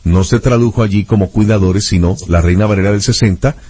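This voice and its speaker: A man's voice: on the low side, a little fast, darkish tone, slight background noise. A man interviewing a guest, reading Bible verses aloud and looking up references as he goes. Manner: methodical, reads verses aloud while searching references. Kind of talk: reading scripture aloud in conversation.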